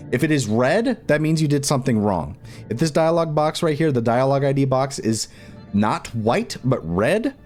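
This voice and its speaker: A man with a medium-pitched, darkish voice hosts a casual screen-recorded tutorial on game modding. He speaks informally, rambling and repeating himself.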